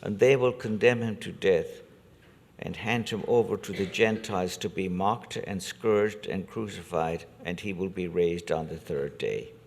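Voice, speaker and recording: A very low-voiced man leads the service as a priest, reading scripture and preaching at a steady, deliberate pace. His words ring out in a cathedral echo, with a long reverb trailing behind each phrase in a large church. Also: a little hiss or hum. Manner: measured, deliberate liturgical delivery. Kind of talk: gospel reading and homily.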